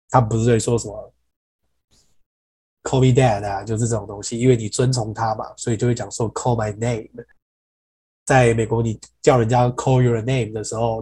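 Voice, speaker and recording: A male English teacher with a mellow, warm tone and a slightly husky edge. He talks through song lyrics in a podcast lesson, reading each English line slowly before explaining it. He repeats words over and over to model their pronunciation. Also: medium pitch, poor audio. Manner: reads English lyric lines slowly, then explains them in detail.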